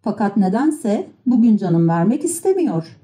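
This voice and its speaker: A matter-of-fact little boy in a crowd, speaking plainly, as a woman reader voices him. The tone is dark and mellow, and the pitch moves a lot. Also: big pitch swings, a little slow. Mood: dismissive.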